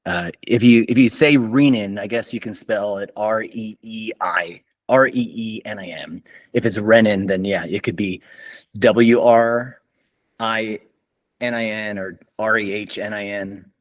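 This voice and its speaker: A man's voice: lowish voice, fairly even intonation, a little slow. A man moderating an online journal club over a video call, chatty and upbeat, with many fillers and restarts. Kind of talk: casual online meeting chat.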